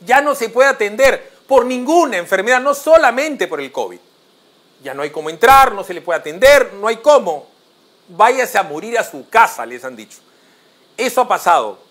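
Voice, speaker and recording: A middle-aged Peruvian man presents the news in a studio. His voice is high and sharp, and he comments emphatically, indignant and posing rhetorical questions.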